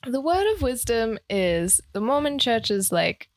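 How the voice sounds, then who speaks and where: A woman's voice: fairly high pitch, very animated, unhurried, dry recording, studio quality. A woman co-hosting a podcast in casual chat, rambling with lots of fillers and frequent laughs. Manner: rambling, laughs often, many ums and likes. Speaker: podcast co-host.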